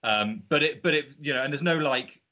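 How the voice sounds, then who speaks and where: A man's voice: mid-range voice, brisk, sharp tone, muffled recording. A man talking casually as a guest in an informal interview. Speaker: indie game developer, podcast guest.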